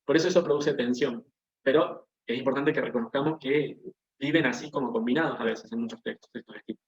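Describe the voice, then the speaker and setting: A man with a medium-pitched voice speaks fast while teaching an online class. He explains things step by step and often checks in with his students, all over echoey, dull, lo-fi video-call audio.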